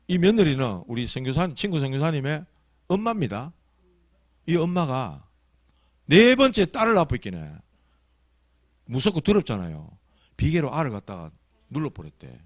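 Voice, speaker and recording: Animated pastor preaching, lively pitch. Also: male voice, no room sound. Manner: animated storytelling preacher, colloquial and emphatic. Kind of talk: sermon. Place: church.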